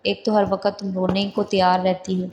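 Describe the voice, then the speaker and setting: A woman reading the lines of a teasing, stubborn, quick-tempered young husband in a flat, even voice. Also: mid-range voice, slight background noise, natural voice. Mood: curt, teasing.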